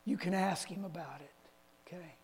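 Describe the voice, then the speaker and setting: This man's voice sits high and a little mellow, moving at a moderate pace. He's a lay preacher addressing a church assembly in a conversational sermon, wandering through homespun personal anecdotes with self-correcting asides. The meeting hall echoes, and a faint hum runs underneath.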